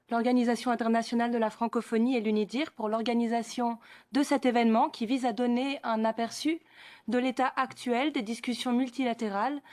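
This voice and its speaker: A woman researcher giving a prepared conference presentation, reading in a formal, steady manner. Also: a little high.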